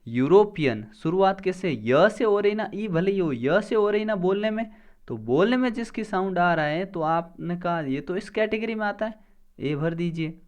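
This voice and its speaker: This male grammar teacher, prepping students for an exam, sounds out words slowly and answers his own questions as he works through each step. He has a high-pitched voice, lively intonation and a darkish tone.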